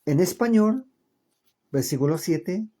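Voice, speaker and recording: A man giving a verse-by-verse Bible study, reading Hebrew names slowly and explaining them in Spanish, repeating words and checking in with his listeners. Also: high voice, lively intonation, mellow. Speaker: Bible teacher.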